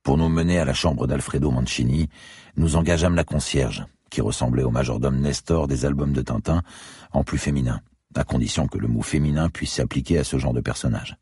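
A man narrating a crime novel in the first person, wry and measured. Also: very deep voice, mellow, slightly rough, dry recording, studio quality. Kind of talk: audiobook narration.

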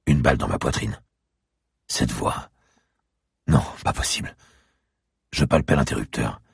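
Male audiobook narrator, first person, very low and gravelly, slow brooding reads, dry booth sound. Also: no room sound. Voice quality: gravelly, husky, very deep. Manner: slow, brooding delivery, rises sharply in his spoken lines.

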